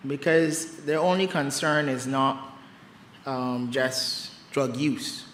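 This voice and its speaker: A male psychiatrist delivers a conference presentation at an unhurried pace, pausing often with fillers as he gathers his thoughts. His voice carries the echo of a large hall, with a faint hum of ambience behind it. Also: mid-range voice, a bit bright. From Barbados. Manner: measured, with frequent hesitations and fillers.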